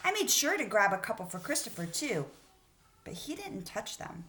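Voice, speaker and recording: An elementary school teacher leads a read-aloud lesson, encouraging and instructing the children as she goes. Her medium-pitched voice is sing-song, bright and pushed, at a normal speed.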